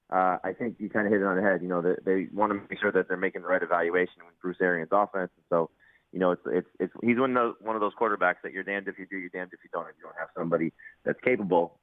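Male fantasy sports analyst, low voice, casual delivery, thin telephone-quality sound. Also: dry recording. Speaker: fantasy football analyst, regular radio guest. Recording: phone-like narrow-band line.

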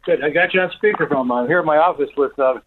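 Guy ranting on a speakerphone call into a radio show, quick and fired up, tinny phone sound. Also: fairly high pitch, slight background noise. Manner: rapid, heated ranting. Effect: calling in on a speakerphone over a phone line. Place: his office.

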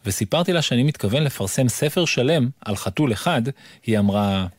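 Expressive man reading a children's story. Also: medium pitch, no echo, clean studio sound. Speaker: narrator. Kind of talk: reading a children's book aloud.

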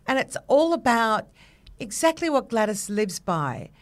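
A woman in her sixties co-hosts a relaxed podcast chat. She talks in an easy, chatty way, often backing up her co-host. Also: a little high, a little slow. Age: 60s. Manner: chatty, lots of agreeing and laughing. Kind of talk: casual chat.

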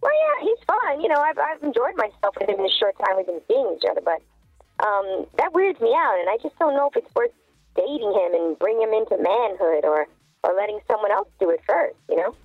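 A woman's voice: mid-range voice, very animated, fairly quick, no echo. A woman in her twenties calling in with her voice run through a voice changer, talking hesitantly with many "I mean" and "you know". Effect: voice changer disguising the voice. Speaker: caller. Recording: tinny phone line, dry, faint music.

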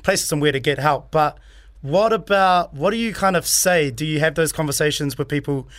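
A man's voice: a little high, moderate pace, a bit bright, dry recording, studio quality. A man asking questions in a conversational radio interview. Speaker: radio show host.

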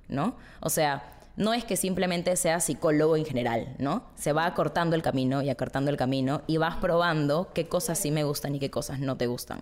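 A woman psychologist calmly explaining ideas in an interview, often checking in with a question tag. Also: deep voice.

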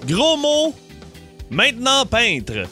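A middle-aged man with a Québécois accent, hosting morning radio in a high, bright and very animated voice. He teases and laughs his way through a quiz game, and light music plays faintly underneath. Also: drawn-out words. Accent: Québécois French. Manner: playful, teasing, laughs often. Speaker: radio morning show host.

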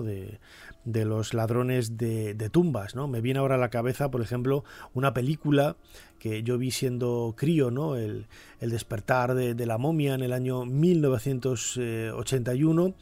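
A man's voice: medium pitch, dark tone. A middle-aged man from Spain with a Castilian accent, presenting informally and discursively, often adding tag questions. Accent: Castilian Spanish. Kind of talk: informal spoken commentary.

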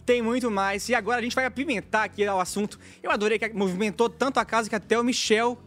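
A man's voice: high voice, steady tone, fast, a bit bright. A man co-hosting a talk show, chatty and upbeat. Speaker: host.

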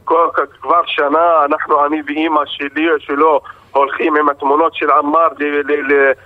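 A man calling in by phone as a bereaved father, speaking in halting, repetitive bursts that turn angry. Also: a little high, little pitch movement. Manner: halting, repeats words, emotional and angry. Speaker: bereaved father, radio guest. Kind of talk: phone-in radio interview. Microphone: telephone. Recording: tinny phone line.

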